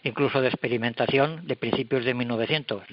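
An older man answers an interviewer with many pauses and repeated words. His voice is recorded dry and sounds dull and lo-fi, as if on a modest line. He sits at a middle pitch. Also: no room sound. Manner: hesitant, repeats words and restarts. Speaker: radio collector guest.

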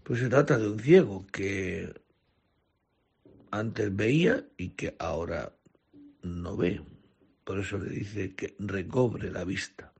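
A man's voice: low-pitched, takes it slowly, vocal fry, pauses often, darkish tone, husky. A man, a priest, reading the gospel and preaching earnestly, with some self-corrections.

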